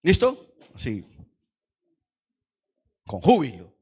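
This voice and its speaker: A man preaching a lively Pentecostal sermon in church, swinging from hushed asides to shouts and quizzing the congregation. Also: mid-range voice, very slow, breathy edge. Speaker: pastor.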